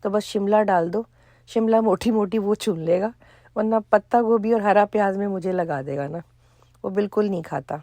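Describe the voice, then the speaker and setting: A middle-aged woman, chatting casually in a cooking vlog, hoarse for now and full of chatty asides. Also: mid-range voice, dark tone, dry recording. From Pakistan. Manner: chatty, storytelling with asides and quoted dialogue. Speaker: vlogger.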